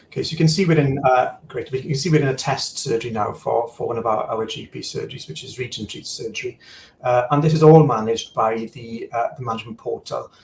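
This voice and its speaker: On a video call, a guest who supplies digital services and once managed a practice walks through a screen demo in easygoing chat. His middle-pitched voice is gravelly and creaky, darkish and a little fast, and he keeps stumbling over fillers and repeated words as he explains. The audio is poor, with a faint hiss underneath.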